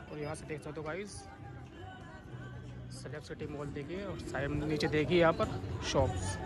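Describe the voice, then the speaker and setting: Speaking at a moderate pace with a fairly high, steady voice, a man films a casual walking tour on his phone, moving from an outdoor mall plaza into a large shopping mall. He keeps saying "dekhiye" as he points things out. Loud music and crowd noise fill the background.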